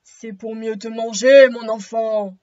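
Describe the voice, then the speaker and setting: A woman voicing the big bad wolf in a children's storybook, putting on a low, quavering, false granny voice. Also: fairly even intonation, slow pace, darkish tone, dry recording, muffled recording. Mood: booming. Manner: low put-on voice, quavering, booming at the end. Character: big bad male wolf disguised as grandmother.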